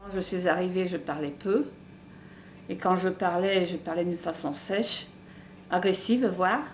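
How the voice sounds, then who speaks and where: A woman from northern France speaking earnestly in a documentary interview, halting and restarting her sentences. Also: on the low side, slight background noise. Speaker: hospital nutrition workshop participant. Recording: echoey room.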